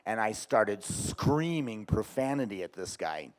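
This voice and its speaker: A middle-aged man leading a workshop for a live group, animated and shifting between loud and quiet. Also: lowish voice, a little slow. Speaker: workshop leader.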